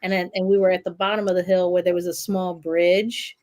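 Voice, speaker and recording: A woman's voice: lowish voice, little pitch movement, fairly quick, a little mellow. A woman chatting on a casual livestream, adding details to a shared story and laughing often.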